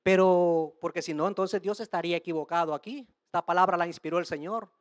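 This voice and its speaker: A woman's voice: on the low side, a little fast, no echo, studio quality. A woman preaching a sermon, emphatic, asking the listeners rhetorical questions and calling them brothers and sisters. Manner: addresses the audience as brothers and sisters; streams to listeners online.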